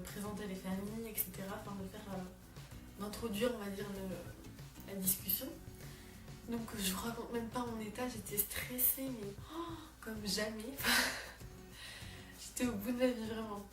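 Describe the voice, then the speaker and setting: A young woman in her late teens vlogging casually about her exchange year, chatty with lots of fillers and restarts. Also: mid-range voice. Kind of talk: casual chat to camera. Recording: roomy, distant mic, background music.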